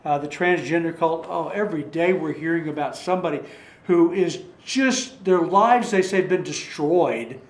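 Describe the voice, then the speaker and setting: High-voiced man leading a group study. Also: normal speed. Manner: rambling, with frequent restarts and repeated words; rhetorical questions to the group. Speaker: Bible study leader. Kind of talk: informal Bible study talk. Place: church meeting room. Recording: echoey room recording.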